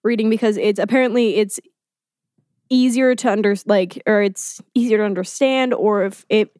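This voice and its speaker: A woman's voice: medium pitch, fairly even intonation, normal speed, darkish tone, no room sound, clean studio sound. A young woman co-hosting a movie podcast, chatting casually with wry, slangy phrasing. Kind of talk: casual chat.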